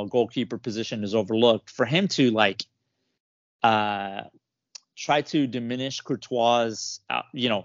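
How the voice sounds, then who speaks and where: A man's voice: medium pitch, no echo. A man venting in a casual football chat, piling up fillers and restarts as he gets heated. The sound is dull and dry, with no room around it. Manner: rambling, heated, many fillers.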